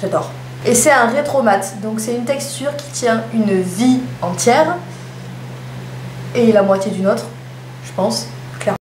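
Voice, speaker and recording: A woman's voice: a little high, unhurried, pauses often, a little mellow. A young woman chatting casually through a lipstick haul, with playful self-mocking asides. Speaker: beauty vlogger. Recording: echoey room with faint hum.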